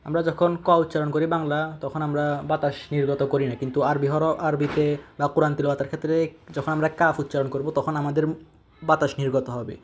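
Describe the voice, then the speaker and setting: A man's voice: a little high, little pitch movement, fairly quick, darkish tone, slight background noise. A man teaching Arabic letter pronunciation in Bengali, patiently repeating each sound for learners. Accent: Bangladeshi Bengali. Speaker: Quran reading teacher. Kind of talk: step-by-step lesson on Arabic letters.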